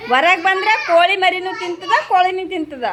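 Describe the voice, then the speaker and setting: A woman's voice: extremely high pitch, a little fast, crowd noise. A woman with a North Karnataka accent teaching preschool children, coaxing them with questions and calling on them by name. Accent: North Karnataka Kannada. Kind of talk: classroom questioning of small children. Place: village preschool classroom. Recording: noisy classroom recording.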